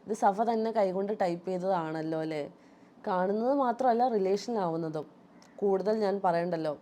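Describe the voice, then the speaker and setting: A woman's voice: mid-range voice, moderate pace, dark tone, slight background noise. Aggrieved Malayali woman vlogger. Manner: aggrieved, emphatic, talks straight at viewers. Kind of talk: casual storytelling to viewers.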